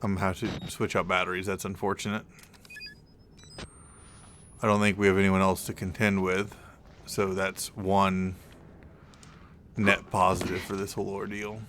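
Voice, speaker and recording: A man's voice: sits low, little pitch movement, fairly bright tone, slight background noise. A young man giving casual, rambling commentary while playing a video game, often stopping to correct himself. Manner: rambling, drawn-out, self-correcting. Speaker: let's play gamer.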